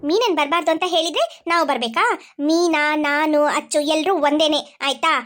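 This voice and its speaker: A woman's voice: high voice, fairly quick. A woman as a stern, protective older girl. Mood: scolding. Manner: firm, scolding. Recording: cartoon with loud music underneath.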